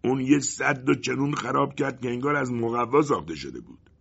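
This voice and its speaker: A weary old wooden hut from a storybook grumbles and complains, as a man acts it out. The voice is husky and lively. The recording is muffled and lo-fi. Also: medium pitch, pitched above the performer's own voice, full character voice. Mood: grumbling.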